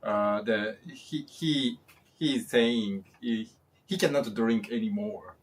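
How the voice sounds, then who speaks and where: A man joining a casual lesson, speaking haltingly as he searches for his words. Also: on the low side, husky, recorded from a distance. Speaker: guest co-host.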